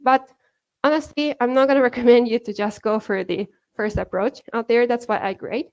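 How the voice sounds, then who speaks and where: Speaking at a normal speed in a fairly high, steady, slightly mellow voice, a woman from Japan delivers a conference talk in a hall with a Japanese accent. She's chatty and full of fillers like "like" and "you know," often breaking into laughs.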